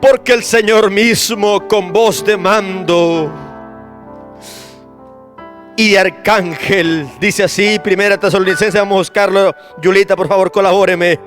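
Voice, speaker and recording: High pitched guy preaching slow to his church, repeats lines over and over, names people in the pews. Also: steady tone, soft background music. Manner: swings between soft, low asides and loud, drawn-out shouting; repeats key phrases and calls out to listeners by name. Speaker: pastor. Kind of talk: fervent sermon to a congregation.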